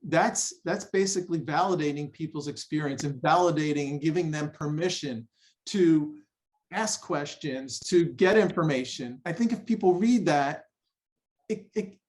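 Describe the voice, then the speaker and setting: An enthusiastic man hosts a podcast and readily affirms what his guest says. His voice sits a little higher than most men's. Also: moderate pace. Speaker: podcast host. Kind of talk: podcast conversation.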